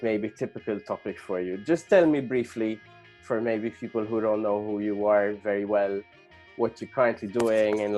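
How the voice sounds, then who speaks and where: Man, podcast host, lowish voice, hesitant and rambling, faint music behind. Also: darkish tone. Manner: hesitant, rambling, many fillers and restarts. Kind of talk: casual interview chat.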